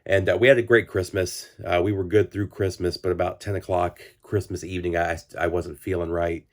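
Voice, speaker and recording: Stuffy-nosed guy in his 40s, real low voice, rambling vinyl vlog chat with lots of ums. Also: flat delivery, fairly quick. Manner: rambling, many fillers and restarts. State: congested, recovering from illness. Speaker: vinyl collector channel host. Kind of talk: casual record-collecting vlog.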